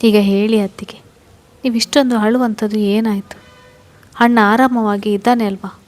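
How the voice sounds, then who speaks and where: A woman narrator voicing a concerned young man who gently but firmly questions his sister-in-law. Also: medium pitch, steady tone, normal speed, lightly acted. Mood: pleading. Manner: soothing, insistent questioning.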